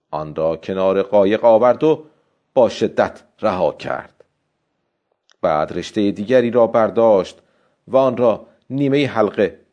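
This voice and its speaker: A man reads a story aloud in calm, steady audiobook narration. His low, mellow voice moves expressively through its pitch. The recording sounds dull and lo-fi.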